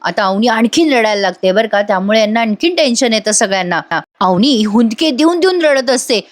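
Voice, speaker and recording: Bright-voiced woman recapping a TV serial. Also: fairly high pitch, a little fast. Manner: lively storytelling, addresses viewers. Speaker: serial review narrator. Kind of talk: voice-over episode recap.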